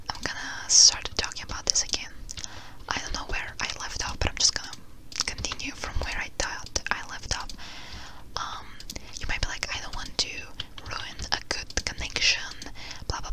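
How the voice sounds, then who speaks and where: A video host speaking in a breathy close-up whisper, rambling reassuringly in a casual ASMR gaming chat, with keyboard typing behind. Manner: rambling, reassuring advice-giving. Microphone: close-up microphone.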